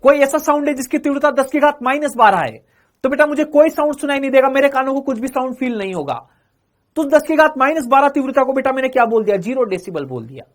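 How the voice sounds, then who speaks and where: A male physics teacher with a notably high-pitched voice gives an exam-prep lecture. He keeps asking the class questions, calls them "beta", then answers the questions himself. He repeats each phrase two or three times. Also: animated, fast.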